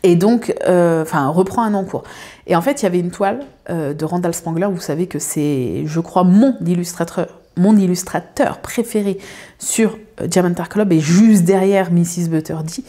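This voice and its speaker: A woman's voice: fairly low pitch, moderate pace, dark tone. A woman chatting casually to her viewers at home, rambling with lots of fillers and restarts. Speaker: craft video creator.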